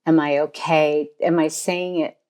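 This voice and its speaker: An older woman from the United States, hosting a casual interview, complimentary and thinking aloud with pauses. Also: low-pitched, level tone, darkish tone, clean tone. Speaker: podcast host, fashion designer.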